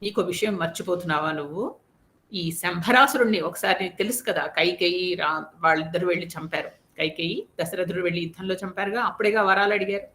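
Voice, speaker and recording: A woman storyteller voicing a steady queen who earnestly consoles her grieving co-wife. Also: lowish voice, a little fast, close to an everyday voice. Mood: persuasive. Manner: earnest, persuasive, reassuring.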